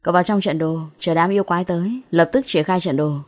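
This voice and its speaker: A commanding young male demon hunter from a ghost audiobook, acted by a woman. He speaks sternly, in forceful scolding orders. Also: fairly low pitch, fast, lightly acted. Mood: urgent, commanding.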